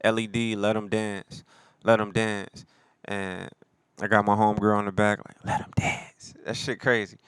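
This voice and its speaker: A man's voice: fairly low pitch, level tone, normal speed, fairly bright tone, clear, resonant tone, no echo. A man, a rapper and producer, talking casually about his own album in a laid-back way, full of slang and fillers. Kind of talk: casual solo talk.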